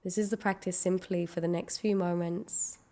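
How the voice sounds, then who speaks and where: This guided meditation is led by a woman whose voice sits on the low side. Her steady delivery carries calm, unrushed directions, with lengthy pauses throughout.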